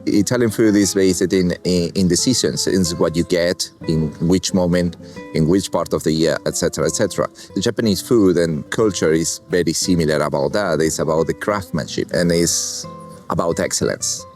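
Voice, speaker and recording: Calm chef from Argentina, low voice. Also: male voice, soft background music. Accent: Argentine Spanish. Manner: unhurried, plain non-native English with calm explaining. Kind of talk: cooking demonstration with commentary.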